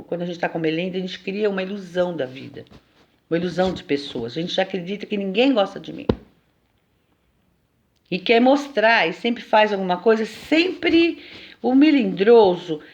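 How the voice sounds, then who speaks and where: Woman, Brazilian accent, spiritual teacher, conversational, middle pitch, somewhat dull lo-fi sound. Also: normal speed. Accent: Brazilian Portuguese. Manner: conversational, lively, often asks "né?". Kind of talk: informal spiritual lesson.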